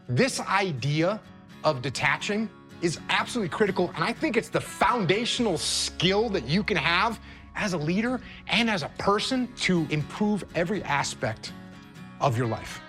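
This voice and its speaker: Guy doing a motivational leadership talk, kinda high voice, jumps up then drops low and quiet, soft music behind. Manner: emphatic, with sharp rises in pitch and sudden drops to a low, quiet voice. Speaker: leadership speaker.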